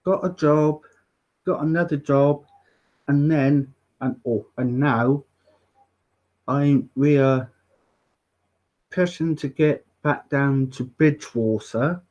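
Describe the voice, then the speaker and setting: Male interview guest, Norfolk accent with a little West Country, slow halting delivery, dull lo-fi sound. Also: on the high side, a little mellow. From Norfolk, East Anglia, England. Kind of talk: casual chat.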